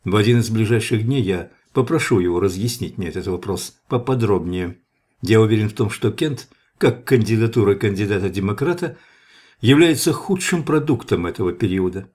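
A man reading the lines of an earnest, sharp-tongued young male scientist with an ironic, argumentative manner. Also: lowish voice, lively intonation, normal speed.

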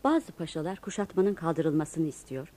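A woman's voice: deep voice, expressive, normal speed, dark tone. A woman in a radio play as a patient storyteller, narrating history for children. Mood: storytelling.

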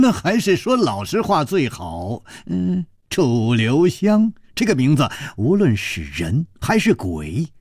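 A man narrating a martial-arts tale in a traditional storytelling style, dramatic and expressive. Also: fairly high pitch, slightly rough, no room sound, studio quality.

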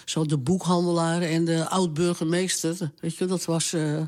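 A woman's voice: fairly low pitch, flat delivery, moderate pace, a little mellow. An older woman being interviewed, recalling her late partner in a hesitant, plain-spoken way with many fillers. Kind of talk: casual reminiscing conversation.

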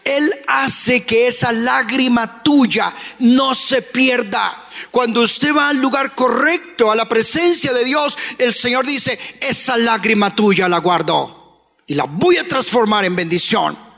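Man, pastor, fervent sermon, gravelly tone, bright edge. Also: very high voice, slow, faint music behind. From Colombia. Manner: preaching with rising shouts and sung phrases. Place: church hall. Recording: live church recording with long reverb.

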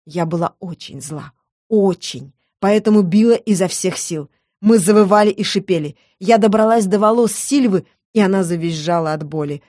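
A woman narrating a first-person audiobook story in a lively, expressive way. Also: mid-range voice, normal speed, dry recording, studio quality.

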